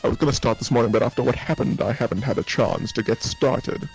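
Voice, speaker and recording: A man's voice: medium pitch, quick pace, creaky, faint music behind, lightly acted, low-quality recording. A man voicing an eager young male student who volunteered for cleaning duty, reading game dialogue aloud. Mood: earnest.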